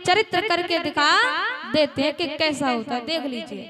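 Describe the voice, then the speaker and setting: A young woman preacher telling a devotional story in a sermon, in a sing-song storytelling manner with dramatic pauses. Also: high voice. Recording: sitar music playing behind.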